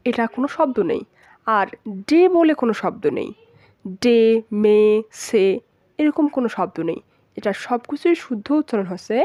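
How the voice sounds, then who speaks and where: A woman's voice: high voice, a little mellow, dry recording, clean studio sound. A young woman teaching English pronunciation, drilling each word with emphatic repetition and mixing English phrases into her Bengali speech. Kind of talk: slow, deliberate language lesson.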